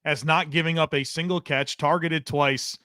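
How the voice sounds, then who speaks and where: An excitable man breaking down a football game on a podcast, with a bright, forceful edge to his voice. He talks with emphatic bursts, and the mic sound is close and dry. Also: on the high side, normal speed, no room sound. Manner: excitable, emphatic, says he is catching his breath. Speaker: sports podcast analyst. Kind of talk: casual sports talk.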